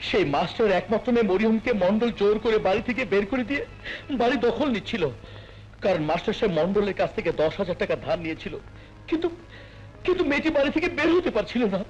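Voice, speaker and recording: A man's voice: sits high, lively intonation, quick pace, muffled recording. A young actor playing an earnest youngest brother in a melodramatic film, pleading with his family and tender with the woman he loves. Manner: pleading, then shy and tender.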